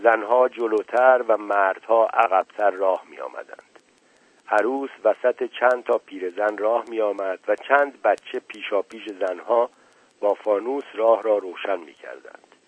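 A man narrating a story in a steady, measured reading. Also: lowish voice. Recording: tinny phone-like dry recording.

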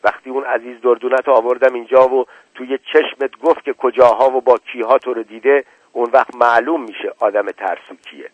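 A man's voice: mid-range voice, steady tone, no room sound, muffled recording, lightly acted. A man doing a furious cornered husband. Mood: shouting. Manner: shouting, bitter and defensive. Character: angry middle-aged husband, feels plotted against. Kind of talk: radio book reading.

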